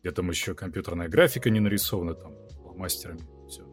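A low-pitched man chats as a guest on a podcast. He is a dubbing actor and talks in a thoughtful, halting way, letting his sentences fade out quietly. Soft music sits faintly in the background. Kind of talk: casual podcast chat.

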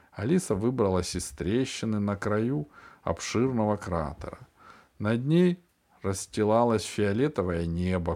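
Male audiobook reader with a low, gravelly voice, dramatic and suspenseful delivery. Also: darkish tone. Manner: dramatic storytelling, slowing and dropping low on suspenseful phrases. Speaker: audiobook narrator. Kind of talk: scripted narration of a children's sci-fi novel.

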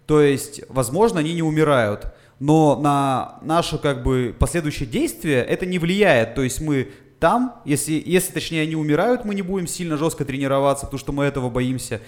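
On a casual podcast, a Urals-born Russian fitness coach walks through things step by step, methodical and full of "uh" fillers. His voice is on the high side and expressive, moving fairly quickly.

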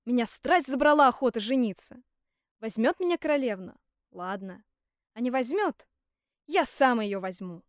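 A woman's voice: fairly high pitch, animated, normal speed, no echo, studio quality, close to an everyday voice. A woman reading a storybook aloud, voicing a boisterous, cocky young simpleton man who whoops and boasts. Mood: eager. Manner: loud whooping, brash and gleeful.

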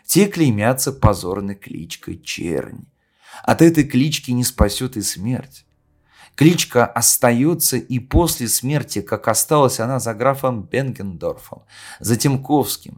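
Reciting a grave philosophical oration, a man plays a solemn poet in an audio play, delivering it in a measured, declamatory style with emphatic pauses. His voice is medium in pitch and a little mellow. Music runs underneath him.

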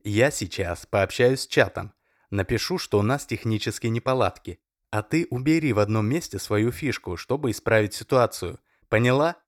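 A man's voice: lowish voice, normal speed, dry recording, clean studio sound, pitched above the performer's own voice, lightly acted. A male reader playing a domineering, violent young man who barks harsh, menacing orders. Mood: scornful. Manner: barking, harsh, menacing shouting.

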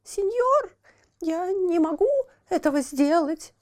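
A woman voicing a whiny, pitiful wooden puppet boy who wails his pleas in a high, shrill voice. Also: lively intonation, slow pace, a little mellow, exaggerated voice. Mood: wailing. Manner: wailing, sobbing pleas.

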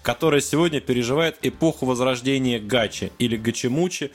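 A man's voice: mid-range voice, fairly quick, faint music behind. A young adult man co-hosting a podcast, chatting casually and reading aloud in an informal, joking way. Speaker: podcast co-host.

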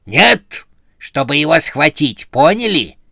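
A man's voice: mid-range voice, animated, normal speed, pushed and bright, dry recording, clean studio sound. A man voicing a bossy, short-tempered snow maiden chief who scolds and barks orders at her helpers. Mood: scolding.

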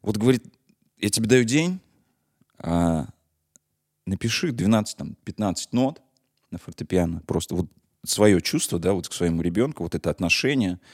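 An interview guest with a low voice talks at normal speed, leaving long pauses as he casually tells anecdotes. His retelling is animated, with acted-out dialogue and slangy asides.

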